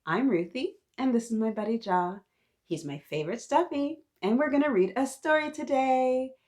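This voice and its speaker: Talking at normal speed in a high, expressive voice with a darkish tone, this woman leads a read-aloud for little kids. She encourages them like a teacher would, asking questions and offering praise.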